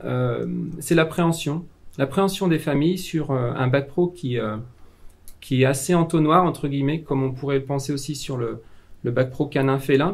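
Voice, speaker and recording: A man's voice: mid-range voice, gravelly, a little mellow. A French man presenting vocational training programs, speaking with many fillers and restarts. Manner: hesitant, frequent fillers and restarts. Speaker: vocational school staff member.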